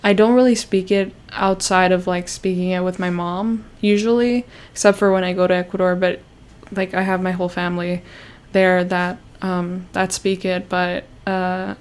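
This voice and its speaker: Speaking at normal speed with few pauses, a young woman from Canada has a lowish, level voice that sounds clear and resonant. She chats casually on her YouTube livestream, rambling self-consciously with many fillers and false starts.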